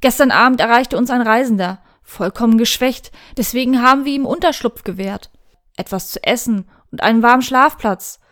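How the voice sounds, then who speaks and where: A panicked, earnest young knight, as a woman reading the tale puts him on, speaking in an urgent, anxious rush. His voice sits a little higher and louder than the narration around him. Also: normal speed, close to an everyday voice.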